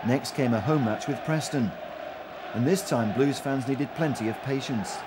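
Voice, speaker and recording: A man reading scripted narration for a football season highlights review. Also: normal speed, a loud crowd. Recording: loud background noise under voice-over.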